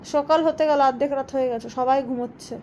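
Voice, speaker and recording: High-voiced mother scolding at bedtime. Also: steady tone, brisk, a little mellow, muffled recording. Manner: scolding, coaxing a child to sleep. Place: home bedroom at night. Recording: home recording with background noise.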